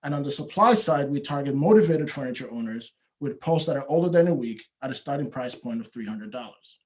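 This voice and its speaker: A man, a startup founder, giving a rehearsed pitch over a video call in a steady, scripted way. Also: a little fast. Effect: heard over a video call.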